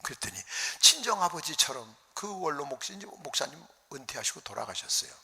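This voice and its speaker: A man preaching a revival sermon, telling stories with lively acted-out voices and sudden whispers. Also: a little high, a little fast, creaky, in a large hall. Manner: animated storytelling, acting out voices, dropping to whispers. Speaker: pastor. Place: church hall.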